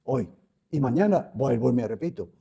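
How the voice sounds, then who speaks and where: A gravelly, mellow voice with a breathy edge belongs to an older guest speaker on spiritual growth, who speaks at a moderate pace with lively intonation and medium pitch. His talk is reflective and conversational, earnest in its teaching, with key phrases repeated.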